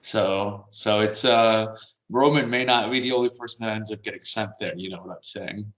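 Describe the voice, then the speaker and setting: A man's voice: fairly low pitch, steady tone, normal speed, a bit bright, lo-fi sound. A man casually chatting on a podcast from home, rambling and meandering with little chuckles. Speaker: podcast co-host. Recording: roomy echo.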